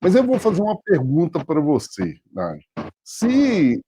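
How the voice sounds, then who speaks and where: A man's voice: a little high, wildly swooping pitch, a little slow, dark tone, a little hiss or hum. A man from Brazil hosting a casual business talk show, asking loose, rambling questions full of restarts. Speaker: podcast host. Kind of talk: casual interview chat.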